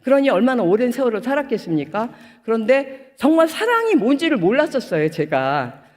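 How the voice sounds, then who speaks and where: A woman's voice: on the high side, a little fast. Fervent woman pastor, echoing hall. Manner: animated storytelling, acting out quoted dialogue; emotional, rising to fervent outbursts. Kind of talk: testimony sermon at a prayer retreat. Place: prayer retreat hall. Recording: long reverb of a large hall.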